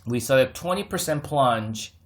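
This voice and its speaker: A man's voice: medium pitch, moderate pace. A man hosting his own market commentary, talking casually and with lots of energy, as if chatting with friends, laughing and mocking others. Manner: animated, talks to viewers like friends, laughs, mocks others. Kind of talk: casual unscripted market talk to camera.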